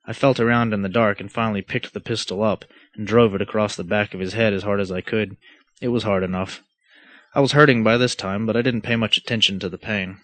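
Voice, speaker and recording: A man reads aloud at an unhurried, steady clip, his voice sitting a bit low. The delivery is plain rather than performed, with small stumbles and restarts. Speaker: reader. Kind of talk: reading a story and a lawn-care text aloud.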